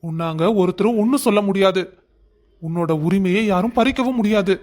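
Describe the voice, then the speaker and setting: A man voices a warm-hearted old father-in-law, gentle, high-pitched for a man. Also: brisk, natural voice. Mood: reassuring. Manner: gentle, reassuring. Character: kind elderly father-in-law, gentle and protective.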